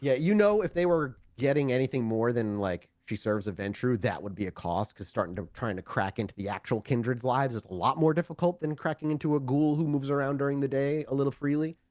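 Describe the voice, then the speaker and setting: With a medium-pitched, somewhat dark voice, a man improvises as the storyteller of a tabletop roleplaying game. He speaks in a chatty, hesitant way, often correcting himself, and there's no echo on the recording.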